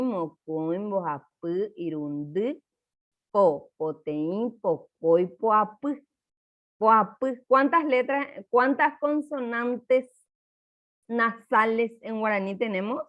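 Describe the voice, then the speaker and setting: A woman teacher leads a lesson at an extremely slow pace, drawing out each syllable so students can repeat after her. The recording is dull and lo-fi. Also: fairly high pitch, lively intonation. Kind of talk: classroom lesson.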